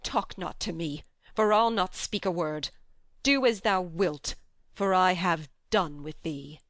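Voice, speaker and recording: A woman's voice: fairly low pitch, slow, no room sound. A woman playing a cold, dismissive noble mother in a Shakespearean dramatic reading, curt with her daughter.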